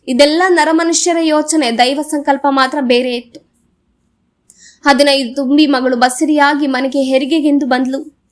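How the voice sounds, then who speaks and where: High-voiced woman reading an audiobook. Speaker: audiobook reader. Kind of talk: scripted narration.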